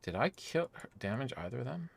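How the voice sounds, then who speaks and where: A man streaming a game live, talking excitedly to himself and a teammate and swearing now and then. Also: medium pitch, brisk, creaky, slight background noise. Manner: excitable, swears, rambles aloud during play. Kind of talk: live gameplay commentary. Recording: loud game sounds behind.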